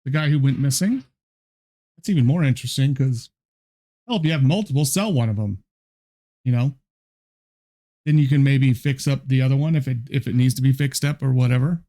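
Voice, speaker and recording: A man's voice: medium pitch, fairly quick, long pauses, warm tone. A man hosting a reaction video, chatting casually and rambling with lots of asides and fillers.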